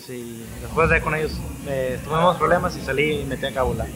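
A young man from Los Angeles, a musician answering with quick jokes. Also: medium pitch, music in the background. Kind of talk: casual interview answers. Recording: crowd noise behind.

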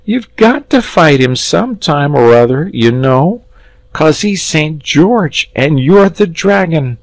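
A man reading a story, voicing an eager, excitable young boy in a raised, pleading voice. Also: on the high side, slow, creaky, dry recording, pitched above the performer's own voice, exaggerated voice.

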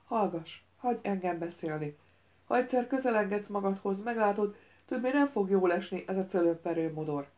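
A woman voicing a gentle, stubborn young woman in an audiobook, speaking in an earnest, pleading way. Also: medium pitch, expressive, dull audio, lightly acted.

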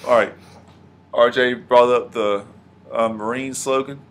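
A man's voice: medium pitch, fairly even intonation, a little slow, a bit bright. A man teaching history to a class, questioning the students and echoing their answers. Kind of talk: classroom lesson.

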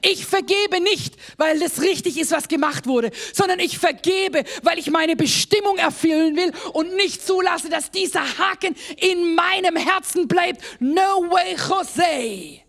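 A woman's voice: very high-pitched, normal speed, vocal fry, hardly any pauses, fairly bright tone. A woman pastor with a German accent preaching a sermon, emphatic and exclaiming, laughing at herself at times.

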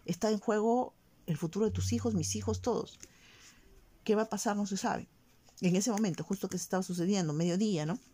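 A Peruvian woman vlogger speaking in a mellow, darker tone at an ordinary pitch. She talks with an indignant, emphatic edge and repeats phrases to press her point. Her Peruvian Spanish accent runs through her casual commentary. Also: fairly quick, husky. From Peru. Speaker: shopping vlogger. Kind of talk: casual commentary on current events.

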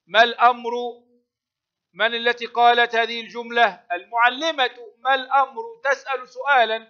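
A male primary school teacher giving a recorded lesson for young children, slowly stretching out and repeating words and praising his pupils. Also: very high voice, muffled recording. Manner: slow, drawn-out repetition of words for pupils, frequent praise.

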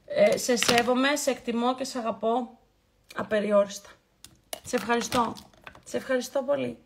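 A woman hosting a casual live skincare stream. She talks in a chatty, affectionate way, greets viewers by name and playfully repeats words for emphasis. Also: fairly high pitch. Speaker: beauty livestream host.

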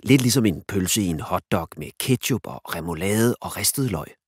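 A man reading a children's storybook aloud, clear and animated. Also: deep voice, no room sound, studio quality. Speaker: narrator.

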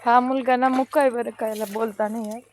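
A woman's voice: fairly high pitch, fairly even intonation, fast, darkish tone. A woman, chatting matter-of-factly through a casual farm vlog, recorded outdoors on a phone. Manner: chatty, matter-of-fact, talks to her child while walking. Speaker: vlogger, farm mother.

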